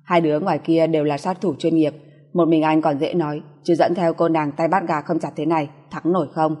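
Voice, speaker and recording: A woman's voice: sits low, steady tone, a little fast, darkish tone. A woman voicing Trần Quốc Chí, a brash swearing mercenary. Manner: coarse, swaggering, swears. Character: brash cocky male mercenary. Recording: long reverb.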